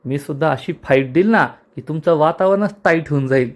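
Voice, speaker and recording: A feisty young wife in a TV serial recap, teasing and quick with a comeback. A man speaks her lines in his own slightly high voice. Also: close to an everyday voice. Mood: bantering. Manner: bantering, teasing.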